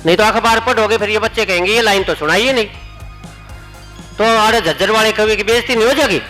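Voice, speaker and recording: A man's voice: sits high, quick pace, sharp tone, soft background music, poor audio. A man with a Haryanvi accent reciting comic poems on stage, playfully repeating his punchlines for the audience. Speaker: comic poet. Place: stage at a poetry gathering.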